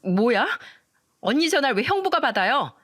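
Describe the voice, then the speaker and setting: A woman's voice: sits high, very animated, moderate pace, fairly bright tone, no room sound, clean studio sound, voice pushed up, heavily acted. A woman voicing a rude, greedy young sister-in-law who screams insults and demands money, in a storytelling reading. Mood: screaming. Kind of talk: storytelling radio drama reading.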